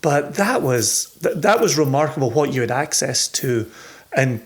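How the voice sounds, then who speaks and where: A man's voice: medium pitch, animated, moderate pace. A man hosting a casual interview podcast. He chats freely, laughs easily, and restarts his sentences often. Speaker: podcast host.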